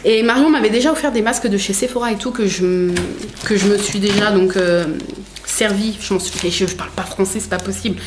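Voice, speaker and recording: A woman's voice: medium pitch, fairly quick, noisy background. A woman vlogger chatting casually at home while opening gifts, rambling with many fillers, self-corrections and frequent laughter. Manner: laughs often, playful teasing. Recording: roomy echo.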